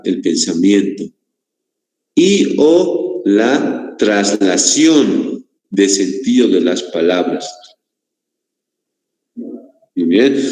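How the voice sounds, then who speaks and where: In an echoey room with long reverb, a male teacher with a Bolivian Spanish accent gives a class lecture, frequently posing rhetorical questions to his students. His voice is medium in pitch and a little mellow.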